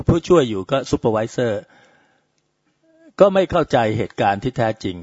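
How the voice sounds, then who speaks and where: A man, a hospital director, lecturing with lively anecdotes and rhetorical questions. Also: mid-range voice, no echo, muffled recording.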